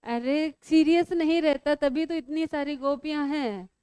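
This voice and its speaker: A woman's voice: high-pitched, a little slow, dark tone, no room sound. A woman teaching biology to a class, asking students questions and teasing them as she explains. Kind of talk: classroom lecture.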